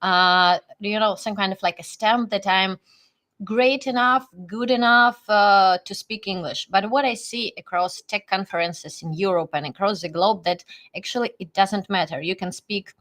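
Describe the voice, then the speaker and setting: A woman's voice: medium pitch, normal speed, fairly bright tone. A woman from Ukraine with a Ukrainian accent, hosting and asking thoughtful questions in careful second-language English, over a video call. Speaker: host. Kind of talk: interview questions.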